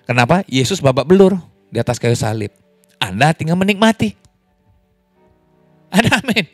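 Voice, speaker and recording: A man preaching a lively sermon as pastor, in an online church service, joking and laughing with the congregation. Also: moderate pace, no echo, clean studio sound, soft background music. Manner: animated, wide pitch swings, jokes and laughs.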